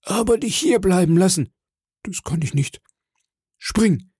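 A fatherly middle-aged doctor speaks with urgent earnestness, voiced by a male reader. The voice is raised and lively with a husky, gravelly grain. Storybook reading. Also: high-pitched, a little slow, no room sound, studio quality, voice pushed up, exaggerated voice. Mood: earnest. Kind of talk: audiobook reading.

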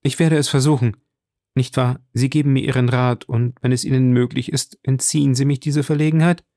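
A man's voice: mid-range voice, steady tone, a little fast, warm tone, no room sound, studio quality, close to an everyday voice. A man voicing an earnest young vicomte in an audiobook, raising his voice to play him. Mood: pleading. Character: young eager male vicomte.

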